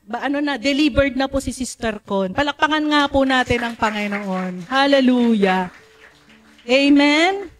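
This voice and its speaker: A woman preaching a sermon, telling stories in an animated way and acting out the voices she quotes. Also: sits high, moderate pace, faint music behind. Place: church.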